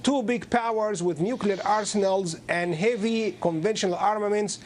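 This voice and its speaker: A man speaking as a guest analyst in a televised panel debate, deliberate and pausing often with fillers. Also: high voice, a little hiss or hum.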